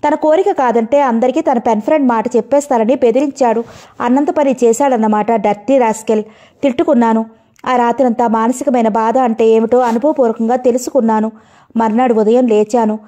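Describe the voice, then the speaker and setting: Mellow-voiced woman narrating a story. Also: a little high, steady tone, a little fast. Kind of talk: first-person story narration.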